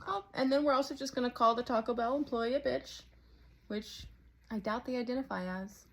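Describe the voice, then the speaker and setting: A woman's voice: on the high side, a little fast, creaky. A woman in her thirties doing sarcastic, profane reaction commentary on a video clip. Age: 30s. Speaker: commentary host.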